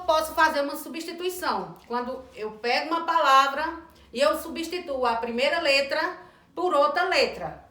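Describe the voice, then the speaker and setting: A woman teacher trainer giving an instructional lesson, slowly sounding out words and letters. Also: high-pitched, sharp tone. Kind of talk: instructional lesson on early literacy. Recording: echoey room.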